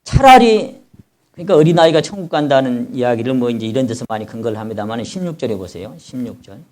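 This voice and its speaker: A pastor with a mellow, mid-range voice preaches quickly. He reads passages of scripture aloud and follows with plain-spoken, impassioned explanation, voicing the sufferer's cries.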